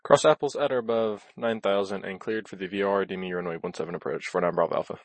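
A man speaking as a pilot over a headset, making brisk, procedural radio calls to air traffic control. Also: low voice, fairly even intonation, no room sound.

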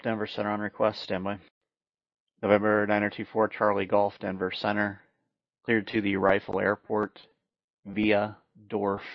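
Flat, gravelly male air traffic controller. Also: on the low side, no echo. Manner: procedural, clipped phraseology. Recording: dull, lo-fi radio sound.

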